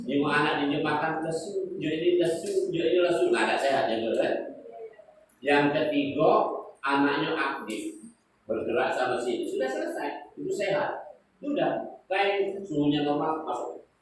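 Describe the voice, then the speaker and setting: A man's voice: fairly high pitch, animated, moderate pace. A middle-aged man with a Palembang accent giving a joking seminar talk to parents and quizzing the audience. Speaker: guest speaker. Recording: very echoey hall, far from the mic, noisy.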